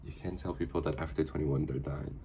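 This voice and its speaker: A young man with a very low, deep voice, chatting casually as a vlog host. He teases bluntly and playfully, with a faint hum of noise behind him. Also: steady tone, fairly quick, dark tone. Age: 20s. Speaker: vlogger host. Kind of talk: casual couple chat.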